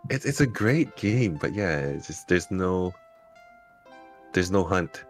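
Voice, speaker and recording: A man's voice: low-pitched, animated, slow pace, faint music behind. A man chatting casually about video games on a podcast, often repeating words as he restarts. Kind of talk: casual gaming chat.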